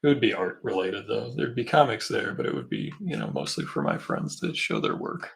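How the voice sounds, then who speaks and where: A man's voice: on the low side, huge pitch swings, a little fast, vocal fry. A man hosting a live painting stream, casually explaining each step as he works and answering questions from chat. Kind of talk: casual livestream painting demo.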